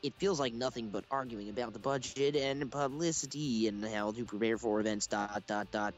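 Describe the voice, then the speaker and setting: A man voicing a cheerful teenage girl club president, read in a flat, robotic way that speaks the punctuation aloud. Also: medium pitch, moderate pace, faint music behind, lightly acted. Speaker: let's play voice actor. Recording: dull lo-fi recording.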